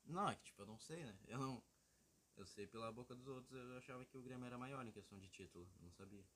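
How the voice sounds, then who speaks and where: A man's voice: medium pitch, a bit bright, slight background noise. A man with a southern Brazilian gaúcho accent co-hosting a podcast in casual, teasing chat. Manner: joking, teasing, quick to laugh. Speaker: podcast co-host.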